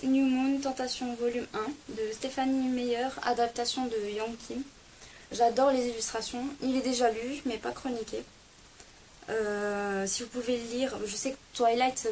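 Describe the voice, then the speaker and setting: A woman's voice: fairly high pitch, darkish tone, poor audio. A young woman in a casual book haul vlog, chatty, with frequent hesitations and self-corrections. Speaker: book vlogger. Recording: faint background hiss.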